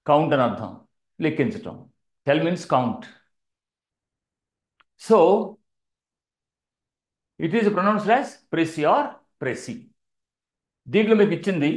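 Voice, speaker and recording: An older man with an Indian English accent teaches an exam-prep English class in a fairly high voice. He spells words letter by letter and repeats them slowly for pronunciation drill. The room gives his voice a clear echo.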